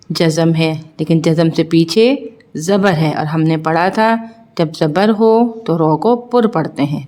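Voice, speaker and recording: A woman's voice: fairly low pitch, a little mellow. A woman teaching children to read, spelling out letters and vowel marks one by one, then explaining each rule. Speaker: Quran reading teacher. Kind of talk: children's recitation lesson.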